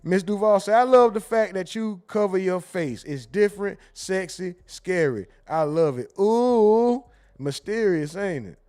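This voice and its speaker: A man hosting a casual livestream, reading viewer comments aloud and reacting with quick asides and laughter. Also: high-pitched, expressive, a little mellow, clean tone. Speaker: livestream host reading super chats.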